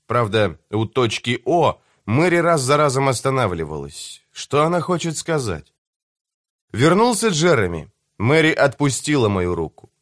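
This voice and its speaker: A man giving a measured, deliberate first-person reading of a novel as an audiobook narrator. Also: medium pitch, a bit bright, no room sound, clean studio sound.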